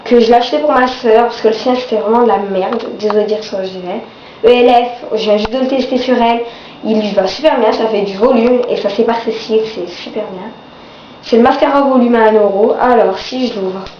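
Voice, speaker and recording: Congested young woman with a high, nasal voice. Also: a little fast. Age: teenager or young adult. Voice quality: congested, blocked-nose nasal voice. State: stuffed nose and sore throat from a cold, occasional cough. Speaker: beauty vlogger. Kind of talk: casual product-review vlog. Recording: dull, roomy, faint background noise.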